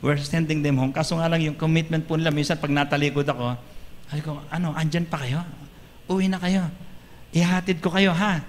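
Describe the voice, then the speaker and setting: A man preaching as a pastor, lively and joking, often calling out to the congregation for an "Amen.". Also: fairly high pitch, a little fast, long reverb tail, a little hiss or hum. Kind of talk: sermon. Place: church hall.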